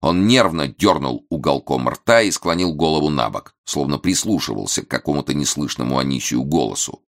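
Very deep, gravelly male audiobook narrator. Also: lively intonation, fairly quick, few pauses.

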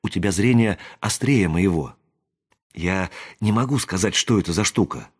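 Hushed wary young woman, whispered lines, storybook reading, voiced by a man, husky. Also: low voice, moderate pace. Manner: whispering, hushed and matter-of-fact.

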